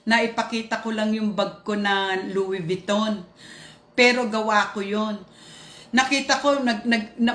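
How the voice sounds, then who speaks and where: A woman's voice: medium pitch, fairly bright tone, roomy sound. A woman chatting casually on a live stream, rambling and greeting viewers by name.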